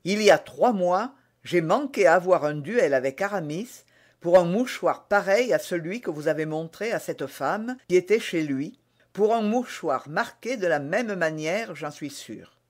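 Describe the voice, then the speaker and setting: A man's voice: sits high, lively intonation, a little slow. A man with a French accent voicing an eager, lovesick young swordsman in an audiobook. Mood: insistent. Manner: eager, earnest. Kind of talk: audiobook reading.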